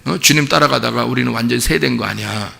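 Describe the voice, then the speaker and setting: Man doing a jumpy disciple guy yelling no no no, gravelly and pushed up high, big echoey hall. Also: quick pace. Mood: pleading. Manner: loud, high and urgent protesting. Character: impulsive male disciple, excitable and pleading. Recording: long hall reverb.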